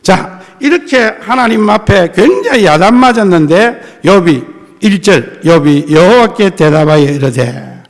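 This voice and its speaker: A man's voice: high-pitched, animated, unhurried. An older male pastor with a strong Gyeongsang accent from the Tongyeong and Geoje area, preaching a sermon in a folksy, joking way and acting out the dialogue he quotes. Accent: Gyeongsang, Tongyeong-Geoje dialect. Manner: folksy, acts out dialogue in many voices, jokes with the congregation. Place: church sanctuary. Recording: long church hall reverb.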